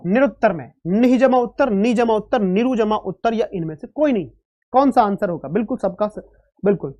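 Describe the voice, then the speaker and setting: A woman's voice: mid-range voice, animated, moderate pace, mellow. A woman teaching a live online Hindi exam-prep class, drilling sounds aloud and calling students "beta".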